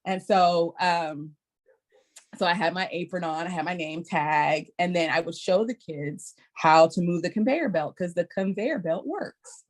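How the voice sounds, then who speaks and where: A woman educator telling a story on a podcast in a lively, animated way, acting out children's voices. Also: fairly low pitch, a little slow. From Texas. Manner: lively, acts out kids' voices with squeals. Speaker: early childhood educator guest.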